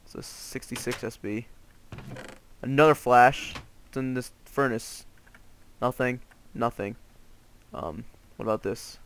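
Slow-talking jumpy young gamer guy. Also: mid-range voice, a bit bright, clean tone. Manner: jokey, jumpy, yelps and panics at scares. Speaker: gamer playing a horror map. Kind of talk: let's play commentary.

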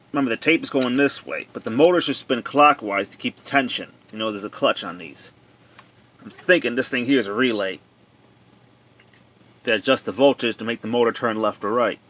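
With a mid-range, slightly bright voice, a hobbyist talks through a repair he's filming on a handheld phone or camera, halting now and then as he thinks aloud in a casual, plainspoken style.

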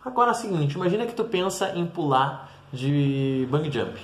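A man's voice: fairly high pitch, animated, moderate pace. A man talking bluntly and emphatically straight to the viewer in a motivational monologue. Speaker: mentor and vlogger. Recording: roomy echoey room.

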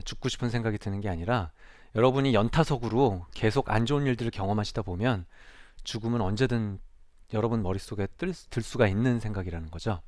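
A man's voice: lowish voice, no room sound, clean studio sound. A man, a psychiatrist, giving a public talk on stage, telling everyday stories and asking the audience questions. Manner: storytelling, acts out quoted speech in a raised voice; addresses the audience directly with questions. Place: lecture stage before an audience.

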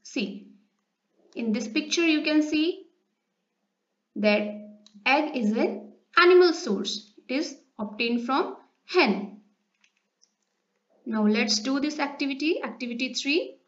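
A woman schoolteacher with an Indian accent reads and explains a lesson to children. She speaks at a slow, deliberate pace in a high voice, often turning statements into questions. The sound is a little dull and lo-fi. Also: expressive, fairly bright tone. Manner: didactic, asking questions of children with tag questions. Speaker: school science teacher. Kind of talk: children's textbook lesson, reading aloud and explaining. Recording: roomy echo, dull lo-fi sound.

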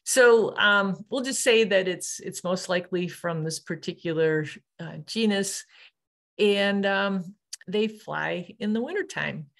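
A woman's voice: medium pitch, slow, gravelly. A woman hosting a nature show, talking casually over her slides with plenty of ums and restarts. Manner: relaxed, many ums and restarts.

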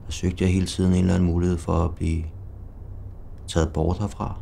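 A middle-aged man telling his own life story in a slow, blunt, confessional way, with bursts of swearing. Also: deep voice, completely flat delivery, creaky, mellow, a little hiss or hum. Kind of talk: personal testimony narration. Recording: music playing behind.

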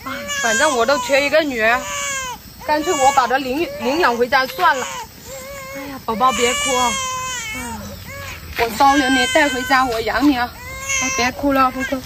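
Skit role: heartbroken young mother, very high and tearful, noisy outdoor sound , played by a woman. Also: lively intonation, normal speed. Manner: tearful, pleading. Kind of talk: rural skit acting.

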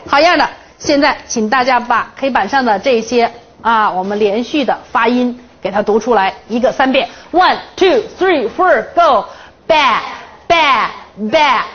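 A woman's voice: on the high side, measured pace, fairly bright tone, breathy edge. A woman English teacher leading a classroom phonics lesson, drilling the class with counted chants and playful, teasing questions. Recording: dull lo-fi classroom recording.

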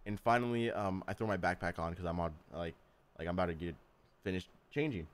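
A man's voice: low voice, brisk, clean tone. A young man hosting a podcast, telling a school story in casual chat, acting out quotes and laughing often. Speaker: podcast host.

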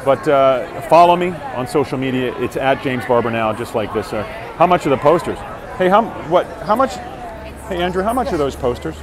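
A man's voice: mid-range voice, big pitch swings, brisk, crowd noise. Chatty man live-streaming on a crowded street. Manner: chatty, upbeat, many fillers and restarts. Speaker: Broadway actor vlogging live. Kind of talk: casual live-stream walkthrough. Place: crowded city street outdoors. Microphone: earbud headset mic on phone held at arm's length.

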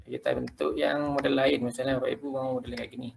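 A man leading a quick, loose tutorial for teachers, talking them through slides step by step. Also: mid-range voice, little pitch movement, creaky, a little hiss or hum. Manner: quick, loose explaining, keeps addressing listeners as "Bapak Ibu". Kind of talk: live screen-share tutorial.

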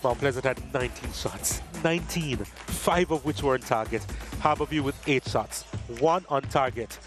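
A man giving measured football commentary over match highlights, reading lineups and stats. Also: music in the background.

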